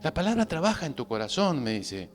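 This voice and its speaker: A man with a Rioplatense Spanish accent preaching in church, telling a personal story with lively acted-out dialogue. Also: fairly high pitch, brisk. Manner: animated storytelling, acts out both sides of dialogue. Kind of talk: sermon testimony.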